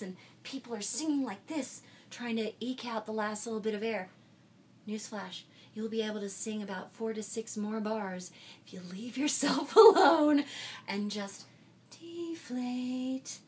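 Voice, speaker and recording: A middle-aged woman singing teacher giving a frank, jokey vocal lesson and singing short vowel exercises between her explanations. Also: on the high side. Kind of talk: casual vocal lesson with sung demonstrations. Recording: slightly distant mic with faint room noise.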